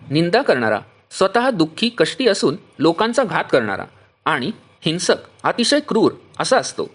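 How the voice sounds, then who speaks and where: A man with a husky, slightly raised voice reads a devotional text, listing quality after quality. His delivery is lively in pitch, with steady, measured pauses between items. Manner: lists traits one by one with measured pauses. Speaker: reader explaining a devotional text. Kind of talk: steady devotional reading of a list.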